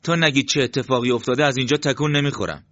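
A man's voice: mid-range voice, sing-song, a bit bright, no room sound, muffled recording, pitched above the performer's own voice. A man voicing a young man who keeps pressing anxious questions in a storybook reading. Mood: demanding. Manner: pleading, demanding questions.

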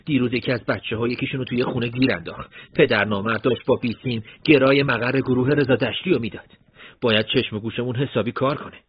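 A man's voice: medium pitch, fairly even intonation, husky, no room sound. A man narrating a war story in a scripted, dramatic reading style, voicing dialogue along the way. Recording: dull lo-fi recording, faint noise.

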